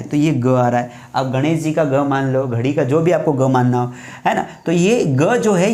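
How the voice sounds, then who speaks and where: A male teacher giving a lively grammar class. He repeats his main points and keeps asking the students questions. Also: a little high. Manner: mixes English phrases into Hindi. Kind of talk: classroom lecture. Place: writing on a board while teaching.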